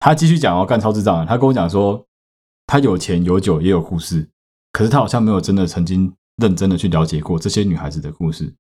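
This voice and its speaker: A man with a Taiwanese Mandarin accent, telling a story casually on a podcast and swearing in sudden loud outbursts. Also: deep voice, quick pace, husky. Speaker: podcast host.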